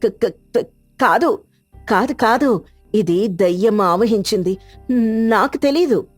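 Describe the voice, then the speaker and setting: A woman's voice: mid-range voice, unhurried, dark tone, no echo, faint music behind, lightly acted. A woman voicing a scheming, greedy old village woman who fakes cures and mutters to herself. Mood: panicked pleading.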